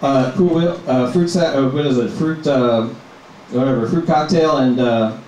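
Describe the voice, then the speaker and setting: A middle-aged man from Minnesota works through a stand-up set at a middle pitch, with a deadpan delivery padded by ums. His voice rings through a very echoey small club, picked up from a little way off the mic, with a faint hum of room ambience behind him. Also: distant mic. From Minnesota, USA. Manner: halting, filler-heavy, deadpan delivery. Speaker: stand-up comedian.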